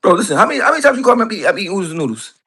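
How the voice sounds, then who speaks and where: A man in his forties with a New York accent chats casually, with a husky voice. His pitch swings widely as he rushes through stories, repeating words and stumbling as he goes. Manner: animated storytelling, repeats and stumbles; laughs often, street slang. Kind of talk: casual podcast chat.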